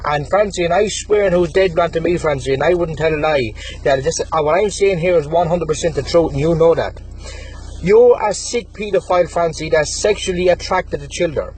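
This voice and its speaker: Speaking to camera, this Irishman in his twenties aggressively taunts and threatens a rival in an angry callout, hammering the rival's name over and over. His delivery is brisk, his voice a little high with a darkish tone, and the recording sounds rough.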